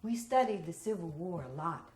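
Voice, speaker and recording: Lively woman telling her life story on stage. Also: fairly low pitch, moderate pace. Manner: lively, wry, expressive storytelling. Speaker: solo stage performer. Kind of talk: one-woman show storytelling. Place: theater stage. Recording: roomy theater with faint hiss.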